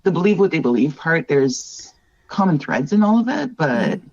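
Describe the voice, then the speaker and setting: A sing-song, low-sitting voice with a darkish tone comes at a moderate pace through dull audio. The speaker is a middle-aged Northern Ontario wildlife artist, a podcast guest in a candid interview, earnest and reflective and fond of "like" and "right?".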